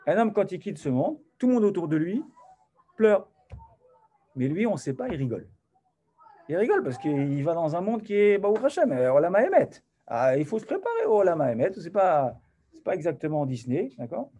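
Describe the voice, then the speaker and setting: Male rabbi type, lively sermon delivery, mellow tone. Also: high voice, moderate pace, slightly rough. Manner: animated, swinging from loud to soft, acting out dialogue. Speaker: rabbi teaching a class. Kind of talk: animated sermon to a live class.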